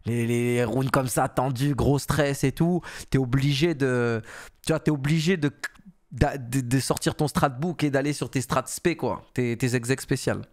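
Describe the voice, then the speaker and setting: A young man streaming a casual reaction, talking in a slangy, excitable way with frequent exclamations and repeats. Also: medium pitch, moderate pace, no echo, studio quality. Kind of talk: casual live reaction commentary.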